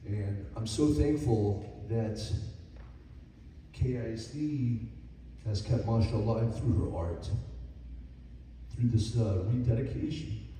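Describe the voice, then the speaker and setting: A man in his forties gives a hesitant, slow speech full of pauses and fillers. His voice cracks with emotion. He is picked up from a distance in a large, reverberant hall with a noisy background. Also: on the low side, warm tone. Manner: hesitant, with many fillers and restarts. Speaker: guest speaker at a dedication. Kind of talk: halting personal speech. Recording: echoey hall, mic far off, noisy.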